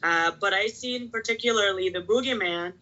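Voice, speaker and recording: A woman's voice: mid-range voice, normal speed, sharp tone, highs cut off. A woman in her twenties from Puerto Rico, chatting casually as a podcast guest and peppering her talk with "like". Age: 20s. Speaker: pro wrestler, podcast guest. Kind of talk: casual chat.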